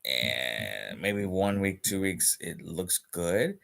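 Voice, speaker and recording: A man's voice: low-pitched, big pitch swings, slow, gravelly, a bit bright. A man streaming live in a casual, rambling rant about a mobile game, repeating himself and restarting his sentences, with hiccups. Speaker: gaming streamer.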